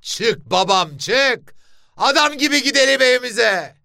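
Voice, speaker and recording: A man's voice: extremely high pitch, expressive, measured pace, voice pushed up, full character voice. A man voicing a stubborn village father who pleads and coaxes his hiding son to come out. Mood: coaxing. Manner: pleading, wheedling, then shouting.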